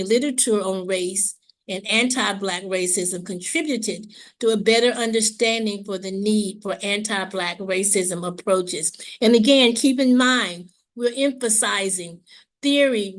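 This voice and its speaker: A woman professor moderating an academic webinar, opening it with a formal, measured presentation and repeating key points for emphasis. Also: medium pitch. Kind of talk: prepared webinar introduction.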